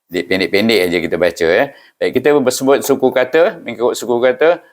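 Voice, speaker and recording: A man with a Malaysian Malay accent, teaching Quran reading patiently, syllable by syllable, with slow chanted recitations. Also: mid-range voice, animated. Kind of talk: step-by-step recitation lesson.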